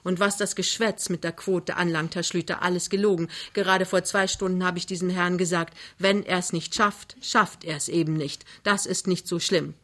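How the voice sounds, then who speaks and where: A woman voicing a fawning male store manager who bows to the customer and turns sharp with his staff, in a radio drama reading. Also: fairly low pitch, steady tone, moderate pace, few pauses, close to an everyday voice. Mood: curt.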